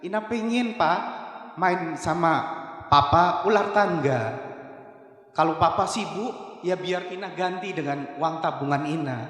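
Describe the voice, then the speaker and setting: A man voicing a shy eight-year-old girl who pleads softly with her father. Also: on the high side, unhurried, pauses often. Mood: pleading. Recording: echoey hall with long reverb.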